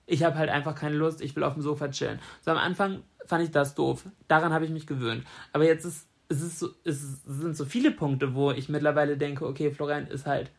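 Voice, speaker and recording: A woman's voice: sits low, steady tone, a little fast, few pauses. A young woman chats on her podcast in a loose, talkative way. She is blunt and likes to tease. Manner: chatty, blunt and teasing. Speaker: podcast co-host. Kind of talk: casual couple chat.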